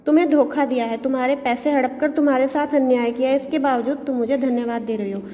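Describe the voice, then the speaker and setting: A woman's voice: sits high, a little fast, dark tone, lightly acted. A woman teacher reading the part of a stern male employer who cheats his maid, in a reproachful, lecturing way. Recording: long reverb, faint background noise.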